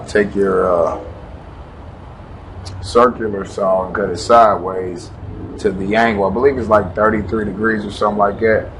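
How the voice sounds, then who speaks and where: A man with a lowish voice talks viewers through a woodworking job in a loose, casual how-to style. He sounds set back from the camera mic. Loud outdoor noise and passing traffic fill the background. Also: distant mic. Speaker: DIY video host.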